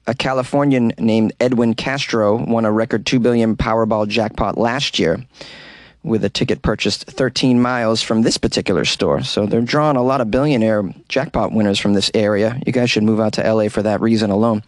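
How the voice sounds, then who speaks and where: A man's voice: lowish voice, steady tone, brisk, no room sound. A man hosting a casual comedy podcast about odd news, rambling in a wry, self-deprecating way, recorded in a small closet. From New England. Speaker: podcast host.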